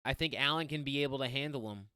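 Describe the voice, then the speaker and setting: A young man hosting a casual fight-picks show, rambling excitedly with lots of slang. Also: medium pitch, fast, clean tone, no room sound, studio quality. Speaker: MMA fight picks host. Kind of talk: casual fight preview monologue.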